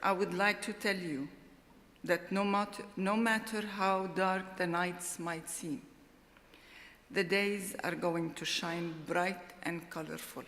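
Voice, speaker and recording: A middle-aged woman delivers a formal acceptance speech at a podium. She speaks at an unhurried, measured pace, weighing each heartfelt word. Her voice rings out with the long reverb of a large ceremony hall. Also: fairly low pitch, fairly even intonation, a bit bright. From Lebanon. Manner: slow, deliberate, heartfelt delivery. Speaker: award laureate.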